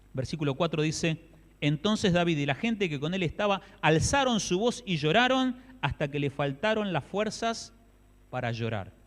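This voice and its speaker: A man's voice: fairly high pitch, very animated, measured pace. Impassioned Argentine preacher man. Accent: Argentine Spanish. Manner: impassioned, swings from hushed to loud and pleading. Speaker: pastor. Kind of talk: sermon. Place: church hall. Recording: echoey church hall.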